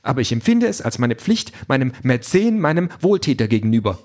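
A man's voice: medium pitch, sing-song, brisk, darkish tone, natural voice. A man voicing a prim, dutiful robot in an audiobook reading, speaking formally and stiltedly.

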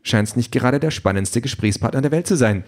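A man's voice: mid-range voice, animated, a little fast, a little mellow, lightly acted. A man voicing a cool, teasing young woman in an audiobook, mocking and sure of herself. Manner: cheeky, mocking.

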